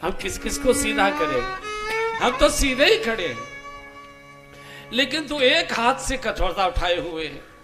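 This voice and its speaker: A preacher doing a god who is nervously pleading, high and lively. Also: male voice, a little slow, pauses often, music in the background. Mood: anxious pleading. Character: frightened yet loving god steadying himself.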